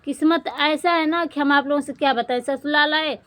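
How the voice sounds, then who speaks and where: एक युवा महिला व्लॉगर, जो बार-बार अपनी बात दोहराते हुए दुखी और गुहार भरे लहजे में अपनी निजी परेशानियाँ सुनाती है।. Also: female voice, high-pitched, steady tone, normal speed, a bit bright. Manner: distressed, pleading, repetitive; defiant outburst. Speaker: vlogger. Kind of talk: emotional personal vlog.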